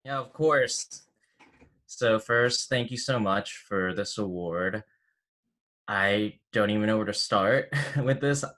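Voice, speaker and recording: Young man in his twenties, deep voice, bright tone, casual grad student speech, video call. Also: slow pace. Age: 20s. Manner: casual, fluent, many likes. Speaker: graduate student, scholarship recipient. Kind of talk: acceptance speech.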